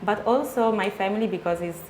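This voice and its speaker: A woman from Spain, a DJ guest answering interview questions in halting English with many fillers. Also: medium pitch, darkish tone. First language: Spanish or Italian. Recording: echoey room, faint noise.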